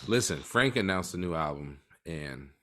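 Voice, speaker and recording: A man's voice: low voice, animated, normal speed, pushed and bright. A man co-hosting a podcast in casual chat, mostly chiming in with short agreements. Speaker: podcast co-host.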